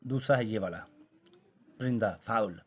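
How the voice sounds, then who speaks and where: A man teaching an English vocabulary lesson, who reads example sentences very slowly and then explains them quickly. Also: fairly low pitch, breathy edge.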